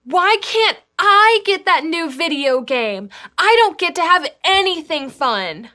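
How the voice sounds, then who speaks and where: A woman's voice: very high voice, big pitch swings, slow, pushed and bright, voice pushed up, full character voice. A woman doing a whiny complaining child. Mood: whining.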